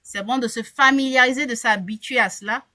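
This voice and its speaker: A woman coaching a group on a video call, lively and encouraging, often repeating words as she thinks. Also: fairly high pitch, a little fast. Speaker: English coach. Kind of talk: online group coaching session.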